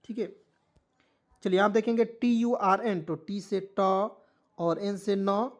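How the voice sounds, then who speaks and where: A man's voice: high voice, fairly even intonation, slow pace. A man teaching an online English spelling lesson, patiently spelling words letter by letter and then repeating each word. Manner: patient, addresses viewers as friends.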